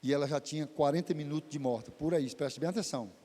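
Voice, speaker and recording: A man's voice: fast talker, dark tone, in a large hall. A man preaching, telling a testimony in a dramatic, emotional way. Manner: emotional, dramatic storytelling with big pitch swings. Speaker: pastor. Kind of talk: sermon testimony. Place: church.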